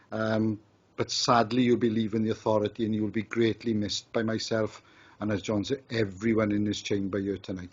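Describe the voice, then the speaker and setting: Welsh man, council leader, joking tribute, husky voice, dull mic. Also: on the low side, darkish tone. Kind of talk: tribute speech at a council meeting.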